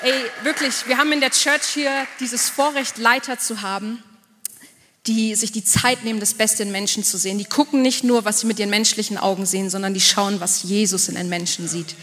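A young woman giving a casual, lively church sermon from the stage. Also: mid-range voice, fairly quick, a little hiss or hum. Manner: casual, lively preaching with church English words. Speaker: preacher. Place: church hall. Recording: long church-hall reverb.

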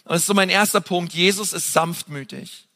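A man preaching a sermon in an animated way, pushing his voice up for emphasis, with fillers between points. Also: high voice, moderate pace.

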